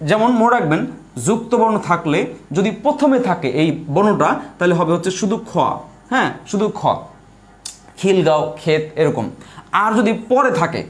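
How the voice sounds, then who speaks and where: A man's voice: high voice, expressive. A man with a Bangladeshi Bengali accent teaching an online language class, repeating points and answering his own questions. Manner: slows down to spell out letters.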